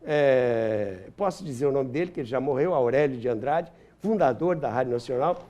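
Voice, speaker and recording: In an interview, a radio historian and author from Brazil, now in his seventies, shares animated, nostalgic stories with real enthusiasm. He speaks in an expressive, medium-pitched voice with a dark tone at a moderate pace.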